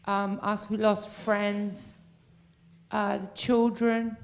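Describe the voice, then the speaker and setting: A woman in the audience asking a long earnest question at a public meeting, pausing with fillers. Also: medium pitch, level tone, gravelly. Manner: earnest, pauses with um. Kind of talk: question from the floor.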